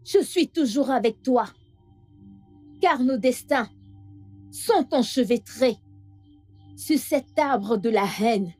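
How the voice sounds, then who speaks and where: Vengeful female spirit played by a woman, swooping intonation, slow drawn-out threats, dubbed film. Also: fairly high pitch, expressive, mellow, soft background music. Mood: menacing. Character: menacing female spirit of doom.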